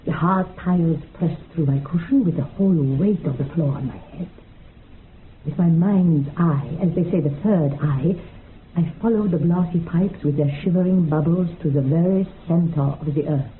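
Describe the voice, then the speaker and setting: An actress with a fairly low voice, speaking at normal speed and lightly acted, plays a solemn female mystic who is utterly convinced, reciting grand, incantatory poetic phrases in a radio drama. The mood is rapt and reverent. The sound is tinny and narrow-band like radio, with faint noise.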